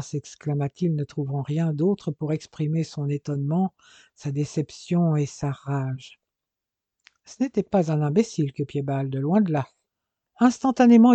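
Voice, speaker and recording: A man narrating an adventure novel in a measured, expressive storytelling manner. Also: fairly high pitch, dry recording, muffled recording. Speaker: audiobook narrator. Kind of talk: audiobook reading of a French adventure novel.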